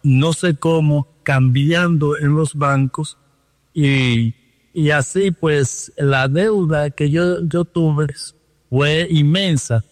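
A man's voice: fairly high pitch, very slow, no room sound, clean studio sound, in a large hall. A man with a Dominican accent, a guest telling his life story earnestly over a phone line. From Dominican Republic.

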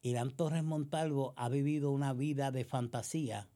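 A warm bass voice at a moderate pace carries this woman's combative political monologue. She has a Puerto Rican accent, and as a commentator she turns sarcastic and accusatory, leaning on rhetorical questions.

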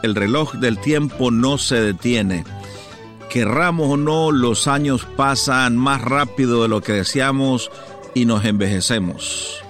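A man's voice: medium pitch, takes it slowly, a bit bright, soft background music. A man hosting a radio program, reading a solemn, scripted introduction. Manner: solemn, read-out delivery. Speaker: radio host.

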